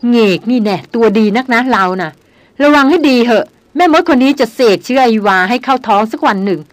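A woman's voice: a little high, animated, a little fast, dry recording, close to an everyday voice. A woman reading the lines of a young woman doctor who snaps back sharply. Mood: exasperated.

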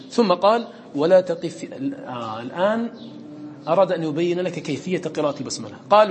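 A man teaching a Quran recitation class, asking his students questions and answering them himself. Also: a little high. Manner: quotes lines of verse in a raised voice. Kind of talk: classroom lesson explaining a verse text. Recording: faint background noise.

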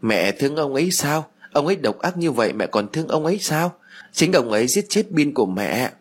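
A man's voice: a little high, very animated, a little fast, husky, voice pushed up. A man voicing a young ghost boy who talks sweetly but speaks of vengeance, in a raised childlike voice. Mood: reproachful.

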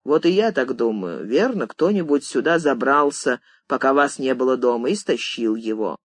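Voiced by the audiobook reader, a middle-aged maid answers meekly and then chatters on with folksy repetitions. Her voice is a little husky, and the reading is close and dry. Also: mid-range voice, lively intonation, normal speed, no echo. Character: middle-aged maid, humble but sullen and talkative.

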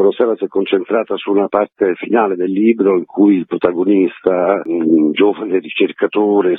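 A deep, husky-voiced stage actor is being interviewed on radio over a phone line, with no room sound. He explains things reflectively and wordily, with frequent qualifiers.

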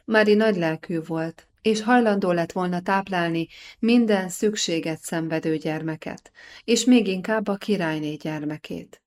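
A woman reading a historical novel aloud as an audiobook narrator, in measured scripted narration. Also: on the low side, a little mellow. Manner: measured storytelling.

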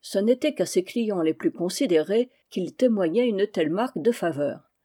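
Mellow-voiced woman reading a novel aloud. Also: medium pitch, lively intonation, normal speed, slightly rough. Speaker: audiobook reader.

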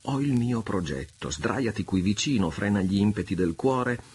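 A man's voice: fairly low pitch, normal speed, husky, voice pushed up. A man reading aloud and voicing a wisecracking Portuguese pirate who coaxes and teases his friend. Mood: soothing. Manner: teasing, coaxing, lively. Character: wisecracking Portuguese pirate, loyal older-brother type.

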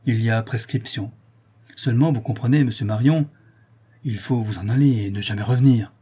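A man reading aloud, voicing a calm, ironic man who corners a murderer with cool, relentless mockery. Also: mid-range voice, brisk, slightly rough. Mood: coolly mocking.

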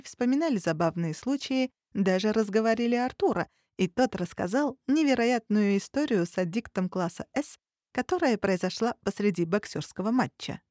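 A woman narrating an audiobook in a measured, even reading. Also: mid-range voice, dry recording, studio quality.

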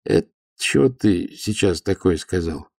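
A sly, eccentric old-school stoker monk with a dry, gravelly edge, as a male storyteller puts him on. He feigns innocence, pitching up into squeaky, wry exclamations. The storybook reading is dry and close. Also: lively intonation, unhurried, darkish tone, no room sound, full character voice.

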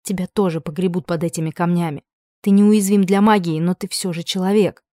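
Woman doing a worried young duchess, breathy and emotional, dry close sound. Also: on the low side, fairly even intonation, brisk, warm tone, no echo, lightly acted. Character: young noble duchess, anxious and stubborn.

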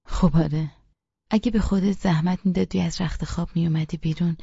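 A woman voicing a plain-spoken, wry young carer in an audiobook, speaking softly. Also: on the low side, steady tone, gravelly, slightly rough, no room sound, muffled recording.

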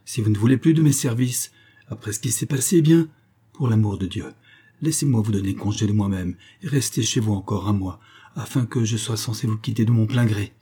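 A man's voice: fairly low pitch, brisk, mellow, breathy edge. A man voicing a proud, desperate male butler who pleads with a trembling voice in an audiobook reading. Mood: desperate pleading.

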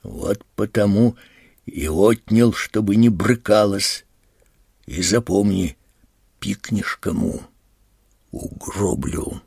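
A brutal, heavyset stepfather growls low, slow threats, as a man reading the audiobook puts him on. The voice is gravelly and husky. It is dry and close, with no room around it. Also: no echo, exaggerated voice. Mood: threatening.

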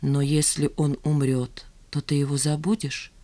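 A woman reading an audiobook voices a withdrawn young male neighbor who speaks flatly and without expression. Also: mid-range voice, normal speed, pitched above the performer's own voice, natural voice. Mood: hushed, flat. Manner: expressionless, then quietly gloating. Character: young man, withdrawn neighbor, flat and menacing.

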